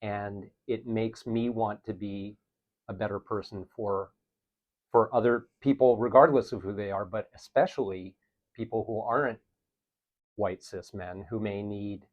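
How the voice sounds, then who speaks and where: A man's voice: lowish voice, fairly even intonation, measured pace, muffled recording. Thoughtful middle-aged New man. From New York City. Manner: thoughtful, earnest, self-correcting. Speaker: teacher, interview guest. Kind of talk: relaxed reflective conversation.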